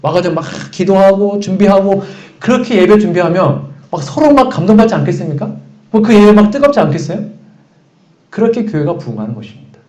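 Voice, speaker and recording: A man's voice: high voice, lively intonation, a little fast, mellow. A man preaching a sermon as pastor, talking animatedly and asking the congregation questions. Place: church sanctuary. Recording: echoey church room, dull lo-fi sound.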